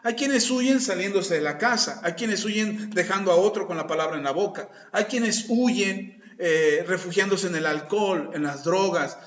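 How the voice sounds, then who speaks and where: A man with a Mexican Spanish accent, preaching a conversational sermon as pastor and acting out little dialogues. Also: sits high. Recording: echoey room, dull lo-fi sound.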